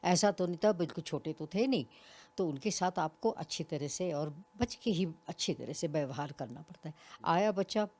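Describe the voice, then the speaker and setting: A woman's voice: lowish voice, lively intonation, moderate pace. An older woman, a retired college principal, speaks reflectively as an interview guest and explains her points with small examples. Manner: reflective, explains with examples, occasional soft laughs. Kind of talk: interview conversation.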